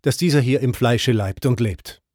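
A man's voice: mid-range voice, moderate pace, dry recording, clean studio sound, lightly acted. A man reading aloud, voicing a wise old poet who sternly urges his companion onward. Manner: admonishing, steady.

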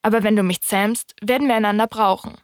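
A woman voicing a wise, wistful fox in an audiobook reading, speaking in a calm, thoughtful, explaining way. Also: medium pitch, fast, dry recording, clean studio sound, close to an everyday voice.

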